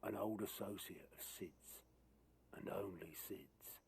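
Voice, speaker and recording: A male actor playing a gruff, dependable second-in-command in a fantasy video game, with a raspy voice and plain-spoken, measured delivery. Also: low-pitched, darkish tone, full character voice. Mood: confiding, steady.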